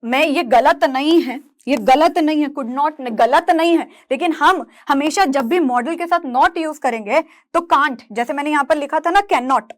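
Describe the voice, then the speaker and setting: High-voiced woman teaching grammar. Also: a little slow, few pauses. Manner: explains step by step and asks checking questions. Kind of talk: grammar lesson.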